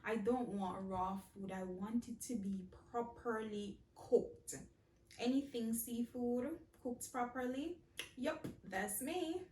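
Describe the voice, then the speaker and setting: A young Jamaican woman answering viewer questions in a casual vlog, speaking slowly and warmly, often repeating herself and laughing. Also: a little high, echoey room, recorded from a distance, a little hiss or hum. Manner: slow, heartfelt, repeats phrases, laughs often.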